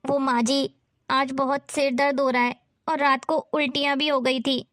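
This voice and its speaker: Meek young daughter-in-law, a woman acting, pleading and polite, highish voice. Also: level tone, normal speed, a bit bright, a little hiss or hum. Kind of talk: family drama acting.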